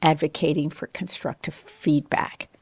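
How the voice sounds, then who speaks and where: A woman teaching an online pronunciation lesson as an accent coach, in a slow, deliberate, encouraging way. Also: low voice, fairly even intonation, dry recording.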